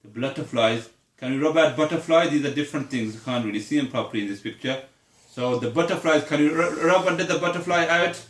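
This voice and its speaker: A fast-talking teacher with a medium-pitched voice patiently coaches a young child through counting aloud using simple, repeated questions. The one-to-one maths lesson was recorded in an echoey space.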